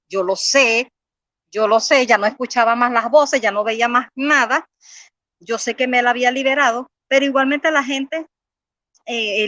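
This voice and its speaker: A woman's voice: a little high, fairly bright tone, no echo. A woman giving an earnest personal faith testimony, reading scripture aloud and often repeating words as she pleads with listeners.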